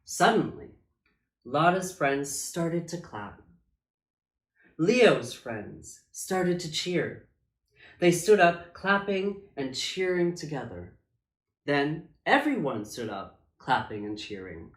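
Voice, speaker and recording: A man reading a children's picture book aloud as a drag storytime reader, with theatrical, emphatic phrasing and dramatic pauses. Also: a little high, very animated. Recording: echoey room.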